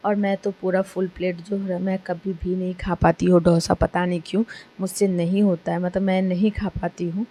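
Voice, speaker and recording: A young woman narrates her family vlog as a casual voice-over. Her voice sits low and mellow with a flat, even delivery. She rambles on in a chatty way, with plenty of fillers. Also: a little hiss or hum. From Kolkata, India. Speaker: vlogger.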